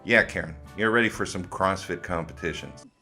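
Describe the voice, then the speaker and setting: A man's voice: sits low, fairly quick, pushed and bright, faint music behind. A man hosting comic reaction commentary in a sarcastic, mocking way. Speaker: host of a commentary video.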